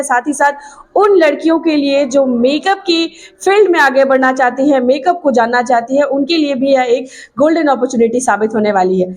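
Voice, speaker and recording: A woman news reporter covering a beauty studio opening on location, speaking in a formal, announcer-like way with some hesitation fillers. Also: sits high.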